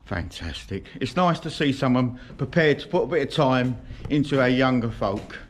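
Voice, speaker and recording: A man's voice: mid-range voice, animated, moderate pace. A British man with slurred, toothless diction, casually hosting a farm-visit vlog. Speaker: video host. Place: working farm yard and sheds. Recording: noisy on-location camera sound.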